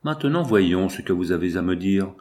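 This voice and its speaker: A man's voice: low-pitched, lively intonation, fairly quick, a little mellow. A man voicing a haughty, dismissive wealthy capitalist in an audiobook, speaking curtly and condescendingly. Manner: curt, condescending. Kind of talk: audiobook character voice.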